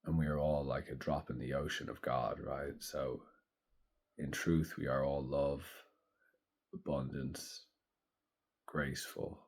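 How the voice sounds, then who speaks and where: Man in his thirties, extremely low voice, soft-spoken, slow and reflective vlog monologue. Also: flat delivery, breathy edge. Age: 30s. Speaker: vlogger.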